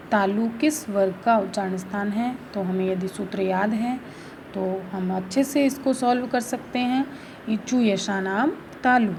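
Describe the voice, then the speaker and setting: A woman teacher explaining a school lesson slowly and carefully, reading each line first and then explaining it. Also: mid-range voice, vocal fry, dark tone, slight background noise, poor audio. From India. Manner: slow, careful explanation, reads Sanskrit then explains in Hindi.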